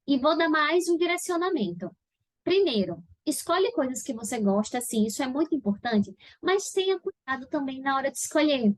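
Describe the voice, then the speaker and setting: Bright-voiced Brazilian woman teaching. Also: high voice, sing-song, normal speed, no room sound. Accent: Brazilian Portuguese. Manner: didactic, checks in with frequent "tá?". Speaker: English teacher. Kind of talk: video lesson explaining study steps.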